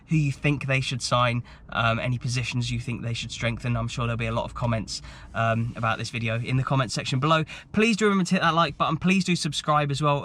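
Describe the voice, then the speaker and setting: A man's voice: medium pitch, a bit bright. A young man casually talking to camera about football for his vlog, chatty and rambling. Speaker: football vlogger.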